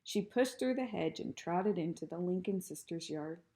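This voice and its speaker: A woman reading a children's book aloud in a calm, even storytelling manner. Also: fairly low pitch, moderate pace. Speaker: reader.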